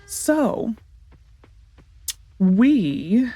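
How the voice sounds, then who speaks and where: This woman's voice is a little high, sing-song, and warm, moving extremely slowly, with a congested, nasal tone and no echo. A let's play gamer, she thinks aloud while playing a farming game, her casual talk peppered with ums and restarts.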